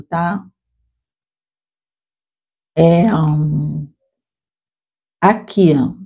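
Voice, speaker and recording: A woman literacy teacher explaining classroom activities to other teachers in a conversational way, checking in often with quick tag questions. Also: lowish voice, warm tone, husky. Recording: dull lo-fi recording.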